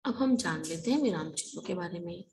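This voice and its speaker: A woman's voice: on the low side, animated, warm tone, faint music behind, poor audio. Woman, schoolteacher giving an online lesson, methodical, uses question-and-answer. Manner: explains slowly, asks and answers her own questions. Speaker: Hindi teacher.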